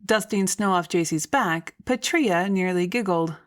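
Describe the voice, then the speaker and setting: A woman's voice: lowish voice, measured pace. A woman reading scripted first-person story narration as an audiobook narrator.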